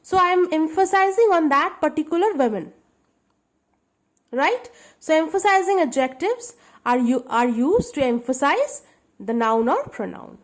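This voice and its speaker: A woman's voice: high voice, lively intonation, measured pace. A woman teaching a grammar lesson to schoolchildren, explaining patiently and checking that they understand.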